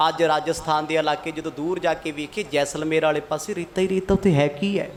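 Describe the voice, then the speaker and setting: A male preacher in full storytelling-sermon mode, animated and lively. His voice sits high for a man, and he keeps prompting the congregation to respond. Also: fairly quick.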